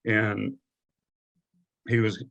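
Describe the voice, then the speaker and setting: A man's voice: on the low side, flat delivery, very slow, creaky, fairly bright tone, poor audio. A middle-aged man, a deputy sheriff, telling stories in a casual interview, rambling and restarting often. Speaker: guest, deputy sheriff and investigator.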